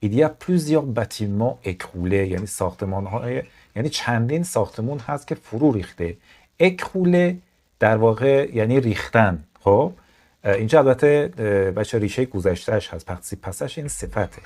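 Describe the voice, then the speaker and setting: A Persian-speaking man teaching French from a news article. He reads each sentence slowly, then explains it, and asks his viewers questions. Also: fairly low pitch, lively intonation, darkish tone. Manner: addresses viewers as kids, asks them questions.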